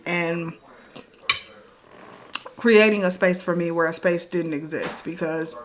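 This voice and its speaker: A woman's voice: fairly low pitch, a little hiss or hum. A woman, chatting upbeat to camera at her kitchen table in a casual vlog, repeating herself as she goes. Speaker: vlogger.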